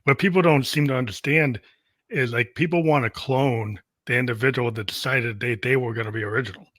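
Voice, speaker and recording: A man's voice: mid-range voice, brisk, fairly bright tone, no echo. A man hosting a podcast interview, talking in a rambling way, repeating words and saying "like" often. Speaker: podcast host.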